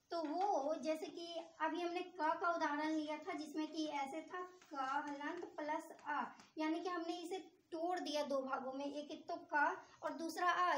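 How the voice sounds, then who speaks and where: A woman teaches a grammar lesson in a very high voice, stopping often to quiz her students and then giving the answer herself. Her voice rings around a bare, echoey room. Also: steady tone, a little slow, a little hiss or hum. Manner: asks the class questions and answers them herself.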